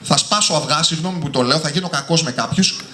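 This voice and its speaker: A man's voice: on the high side, sharp tone. A man, an author and singer, giving an emphatic, passionate talk to a live audience at his book presentation. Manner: passionate, emphatic, often ending points with a tag word. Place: indoor hall with a live audience. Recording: echoey hall.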